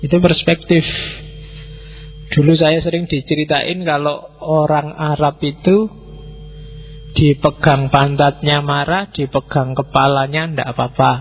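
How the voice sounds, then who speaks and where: A man giving an informal philosophy lecture to students, chatty and teasing, acting out quick exchanges and mixing in words. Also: fairly high pitch, flat delivery, narrow, tinny audio, soft background music.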